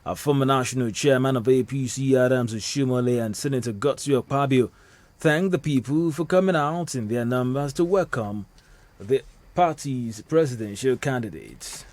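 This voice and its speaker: A man with a Nigerian accent reading the radio news as anchor, formal and measured. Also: mid-range voice, a little mellow.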